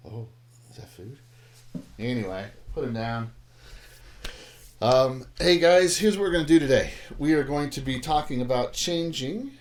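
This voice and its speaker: A middle-aged man, a math teacher, talking casually and playfully through a live-streamed lesson in a classroom, with lots of fillers and asides. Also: medium pitch. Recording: roomy live stream with faint noise.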